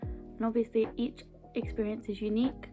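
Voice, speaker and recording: With background music playing, a young British woman vlogs earnestly and casually to camera, her mild stammer showing in occasional repeated small words. Her fairly high voice is flat in delivery and normal in speed.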